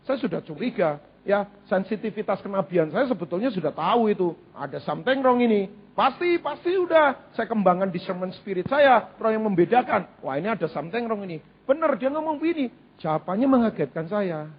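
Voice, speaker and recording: A man delivers a sermon in a high, husky voice. He preaches with animated repetition and a light touch of humor. The recording sounds dull and lo-fi. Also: brisk, hardly any pauses. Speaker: pastor.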